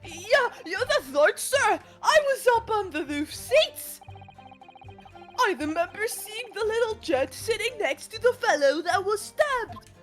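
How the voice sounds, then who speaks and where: A woman voicing a frantic, excitable male eyewitness in a game dub, gushing in eager exclamations over music. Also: extremely high pitch, unhurried, heavily acted. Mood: excited, agitated. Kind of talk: fan dub of a visual novel game.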